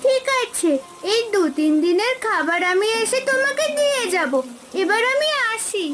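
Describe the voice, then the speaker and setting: Woman doing a tiny cartoon girl, kind, gentle, very high voice, music behind. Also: animated, normal speed. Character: kind, caring little village girl. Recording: background music.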